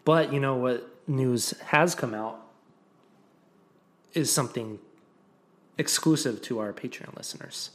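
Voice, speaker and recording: A man's voice: mid-range voice, measured pace, long pauses. Echoey, informal male podcast co-host. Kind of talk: casual chat. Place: new home podcast studio without soundproofing. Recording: echoey untreated studio room.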